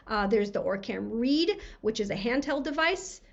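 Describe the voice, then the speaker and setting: An American woman giving a recorded conference talk, friendly and quick-talking, her voice scratchy from a cold. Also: on the high side, animated, vocal fry, highs cut off. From USA. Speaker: conference speaker. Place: home room lined with books.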